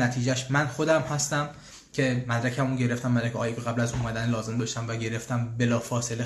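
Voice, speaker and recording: A man hosting a casual live question-and-answer session for his language school, chatty, pausing often with fillers and restarts. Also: mid-range voice, reverberant. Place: room in Austria, church bells heard.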